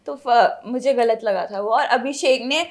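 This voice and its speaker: A woman's voice: fairly high pitch, unhurried. A young woman speaking as an interview guest, chatting casually and animatedly, laughing as she tells stories, mixing in English phrases. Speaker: interview guest, friend of a contestant. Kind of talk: casual interview chat in Hindi with English mixed in.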